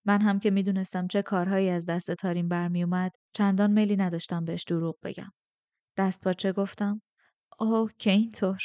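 Woman reading a novel aloud, even and steady, super dry close sound. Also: mid-range voice, no room sound, highs cut off. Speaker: audiobook narrator. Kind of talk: scripted first-person narration.

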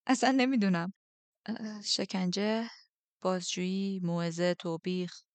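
A woman's voice: mid-range voice, steady tone, warm tone, no echo, lightly acted. A woman doing a nervous young woman soldier. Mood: flustered. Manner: tense, hesitant, raised and strained.

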